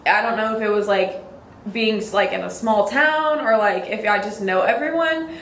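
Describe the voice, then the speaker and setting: A woman's voice: medium pitch, moderate pace, a bit bright, roomy sound, a little hiss or hum. A young woman, hosting a podcast in a casual, rambling chat full of "like". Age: young adult. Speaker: podcast host.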